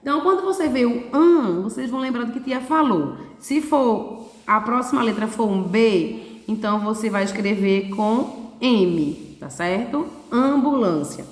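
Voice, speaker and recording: A woman teacher speaks to young children in a fairly high voice, patient and encouraging as she sounds out syllables one by one and keeps checking that they follow. The recording rings with the long reverb of a bare, echoey room. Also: expressive, measured pace. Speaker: primary school teacher. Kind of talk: remote class explanation for young children.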